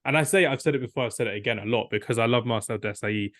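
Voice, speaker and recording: A man's voice: mid-range voice, very fast, fairly bright tone, no room sound, studio quality. A young man co-hosting a football podcast, rambling enthusiastically and acting out quotes. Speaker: podcast co-host. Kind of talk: casual football debate.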